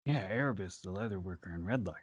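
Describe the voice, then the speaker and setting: A cheerful, rambling innkeeper with a well-oiled tongue, as a man puts him on for a tabletop game. His pitch swings high and low as he chats about old customers, loose and friendly. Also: lively intonation, fast talker, slightly rough. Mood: casual. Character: boozy retired male innkeeper, cheerful and rambling. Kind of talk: tabletop role-play.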